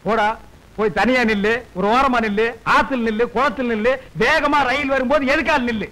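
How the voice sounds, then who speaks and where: An actor playing a middle-aged village barber uncle in a film, ranting and mocking loudly. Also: male voice, very high-pitched, rough recording. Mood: scolding. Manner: loud, fast, mocking comic rants. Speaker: comic uncle.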